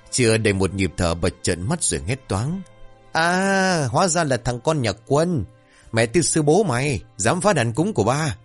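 A man narrating a comic village folk tale in a vivid, dramatic way. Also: fairly low pitch. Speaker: storyteller.

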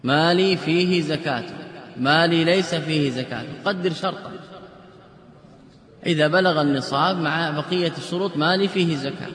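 A man's voice: on the high side, moderate pace, fairly bright tone. A man teaching a classroom lecture on logic, explaining step by step with example sentences and rhetorical questions. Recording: echoey hall with long reverb.

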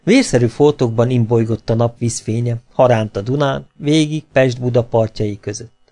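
A man's voice: mid-range voice, dark tone. A man narrating a humorous novel as an audiobook, in an ironic storytelling manner with rhetorical questions.

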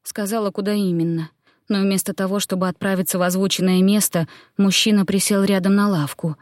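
A woman's voice: medium pitch, steady tone, fairly quick, a little mellow, dry recording, clean studio sound. A woman narrating an audiobook in the first person, with tense, dramatic storytelling.

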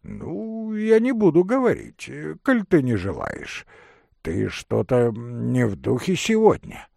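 A man's voice: medium pitch, very animated, slow, gravelly, warm tone, no room sound, studio quality, pitched above the performer's own voice, heavily acted. A man playing a rambling forgetful old husband. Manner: rambling, singsong, easily sidetracked. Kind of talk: audiobook character voice.

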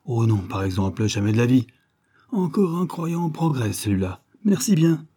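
A man's voice: mid-range voice, very animated, moderate pace, warm tone, slightly rough. A man voicing a scornful, ranting atheist who mocks the idea of progress, declaiming fiercely.

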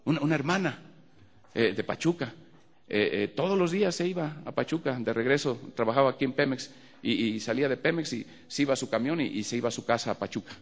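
Man, Mexican accent, pastor, fervent sermon, gravelly voice, long hall reverb. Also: mid-range voice, expressive, fast. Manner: fervent preaching, repeats praise phrases.

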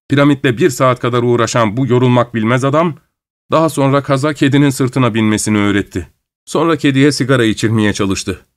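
Calm male audiobook narrator. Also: mid-range voice. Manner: calm, measured storytelling. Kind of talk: scripted storybook narration.

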